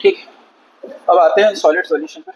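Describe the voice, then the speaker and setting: A man's voice: sits high, wildly swooping pitch, a little fast. A man teaching a chemistry class in a chatty lecture style, questioning and scolding his students. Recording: dull lo-fi sound with faint noise.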